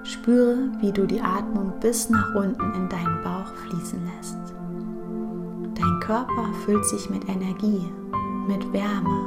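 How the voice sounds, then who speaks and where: A woman guiding a meditation in a soft, hushed, breathy voice, speaking slowly and calmly with long pauses. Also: mid-range voice. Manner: slow, calm, pausing, breathy soft delivery in meditation. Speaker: podcast host and meditation guide. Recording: music bed under the voice. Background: background music.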